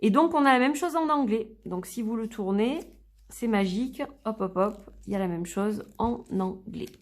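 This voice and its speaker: A woman reviewing an oracle card deck in a gentle, admiring way, reading the booklet aloud and naming each card. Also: fairly high pitch, moderate pace. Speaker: card reader presenting a deck. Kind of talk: unboxing and review.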